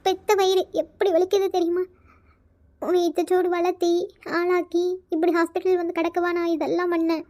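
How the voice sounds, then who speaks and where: A crying mother of a grown son in an animated series. Her voice sits very high with little rise and fall, and she runs her worried scolding together at a quick clip. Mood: tearful worry. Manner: pleading, scolding, fast-talking. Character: worried tearful mother of a college boy. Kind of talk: cartoon voice acting.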